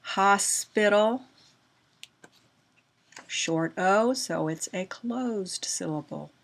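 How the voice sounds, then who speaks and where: Patient woman teacher, low and gravelly, walks students through a lesson slowly. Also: lively intonation, fairly bright tone. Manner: patient, slow, asks students checking questions. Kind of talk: recorded homeschool grammar lesson.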